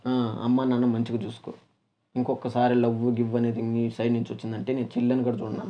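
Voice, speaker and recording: A man's voice: medium pitch, completely flat delivery, fast, dull audio. A man hosting, talking firmly like an older brother, scolding and consoling. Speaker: host. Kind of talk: casual chat.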